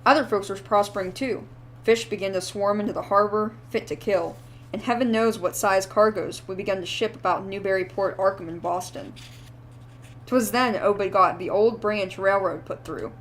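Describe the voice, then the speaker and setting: A woman's voice: mid-range voice, normal speed, slight background noise, lightly acted. Woman doing a wheezy rambling old drunk. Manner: rambling, feverish, rustic old-timer speech. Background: faint background music.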